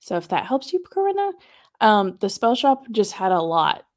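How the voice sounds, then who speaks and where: A woman's voice: mid-range voice, very animated, moderate pace. A woman hosting a casual livestream, chatting and reading viewer comments aloud. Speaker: livestream host. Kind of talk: casual chat.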